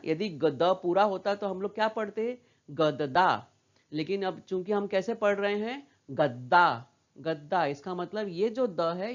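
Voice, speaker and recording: A woman with a medium-pitched voice teaches a slow primary school lesson, patiently repeating words and turning questions back to the children. The recording sounds muffled.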